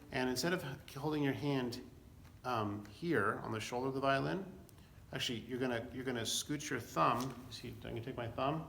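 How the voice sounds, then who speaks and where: A man's voice: medium pitch, a bit bright, a little hiss or hum. A man teaching a beginner violin lesson online, explaining patiently step by step and chanting a children's rhyme in a sing-song way. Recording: violin plucking behind the voice.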